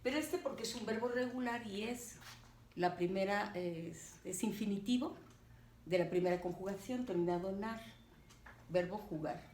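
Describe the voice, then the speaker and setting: A woman teacher gives a grammar lesson, talking slowly and deliberately and checking in with her students as she goes. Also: mid-range voice, darkish tone. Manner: slow and deliberate, checking in with "¿de acuerdo?". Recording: roomy, distant, faint background noise.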